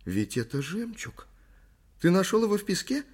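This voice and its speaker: A man's voice: a little high, very animated, moderate pace, a little mellow, slightly rough, pitched above the performer's own voice. A man voicing a frightened, whiny young actress in an audiobook, whimpering and pleading.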